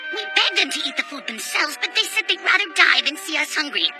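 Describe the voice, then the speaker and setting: A woman's voice: high-pitched, sing-song, quick pace. A woman voicing a scheming, fame-hungry alien TV star in a parody cartoon dub, talking brashly and boastfully. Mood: mock-sincere. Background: music.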